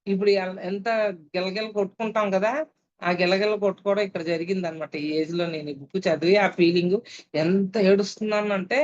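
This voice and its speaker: A middle-aged woman, a meditation teacher, telling a personal story in a reflective way with frequent pauses. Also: on the low side. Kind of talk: personal testimony talk. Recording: dull lo-fi recording with faint hiss.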